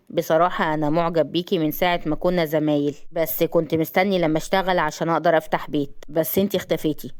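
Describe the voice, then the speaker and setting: Steady young man, low and hushed, Egyptian accent, quick delivery, read by a woman storyteller. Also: natural voice. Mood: earnest. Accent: Egyptian Arabic.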